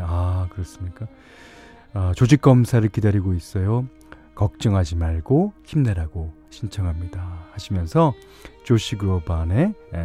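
A man's voice: lowish voice, dark tone. A middle-aged man hosting a radio music show, reading listener messages in a chatty, playful way.

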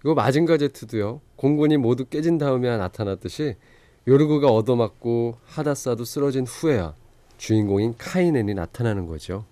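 A man's voice: medium pitch, lively intonation, moderate pace, dark tone, no echo. Dry, close male narrator. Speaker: host narrator. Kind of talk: polite scripted narration.

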